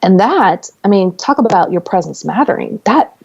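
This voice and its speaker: A woman's voice: medium pitch, big pitch swings, normal speed, creaky, darkish tone, husky, highs cut off. A woman speaking as a podcast guest, talking earnestly in conversation and explaining with stories. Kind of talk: conversational interview.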